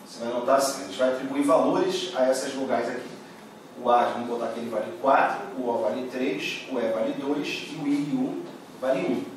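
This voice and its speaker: A man's voice: medium pitch, steady tone, fairly quick, recorded from a distance, slight background noise. Brazilian male teacher in an echoey room. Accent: Brazilian Portuguese. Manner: patient, checks in with "beleza?" and "tá?". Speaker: Portuguese exam-prep teacher. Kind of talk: classroom lecture explaining grammar.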